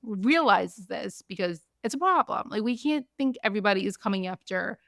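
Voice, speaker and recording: A woman hosting a podcast, recapping in casual chat, animated, acting out what others said. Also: medium pitch, fairly quick, creaky, dry recording, clean studio sound. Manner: animated, acts out quotes, frequent "like". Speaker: podcast host.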